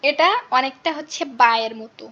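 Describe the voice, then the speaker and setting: A woman with a high, light voice teaches pronunciation in an online class. She repeats each sound again and again and walks her students through it patiently. The recording sounds a little dull and lo-fi. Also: normal speed, sharp tone.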